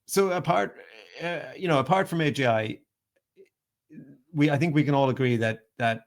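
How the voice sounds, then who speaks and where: A man's voice: on the high side, normal speed. A man co-hosting a podcast who argues skeptically and thoughtfully and often laughs mid-sentence. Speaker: podcast co-host. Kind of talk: casual podcast debate.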